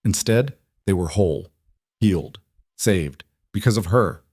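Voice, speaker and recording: A man giving scripted story narration in an even, dramatic storytelling manner. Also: low-pitched, unhurried, husky, dry recording, studio quality.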